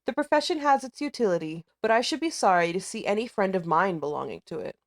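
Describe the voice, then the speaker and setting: A woman reading a storybook part as a proud, pompous, disdainful older gentleman. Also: mid-range voice, animated, fast talker, lightly acted. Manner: pompous, formal.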